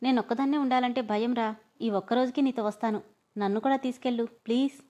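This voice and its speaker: A woman's voice: fairly high pitch, steady tone, quick pace, dark tone, natural voice. A woman voicing a tearful, clingy young woman. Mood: pleading. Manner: pleading and scolding.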